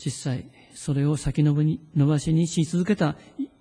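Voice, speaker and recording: A man preaching a sermon as pastor, earnest and pleading, sometimes leading a slow prayer read aloud. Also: fairly high pitch, fairly even intonation, mellow, husky, in a large hall.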